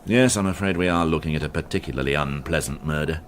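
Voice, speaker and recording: A man's voice: rumbling low, fast, slight background noise. A man acting in a radio crime drama as a seasoned police inspector, formal and clipped, dry, stern and weary. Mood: weary, businesslike. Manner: formal, clipped, wryly sardonic.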